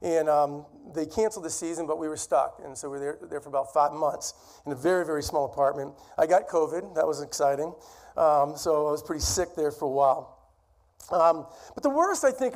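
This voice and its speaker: High-voiced man with a Boston accent preaching. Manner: conversational, self-deprecating. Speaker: guest preacher. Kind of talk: sermon. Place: church sanctuary.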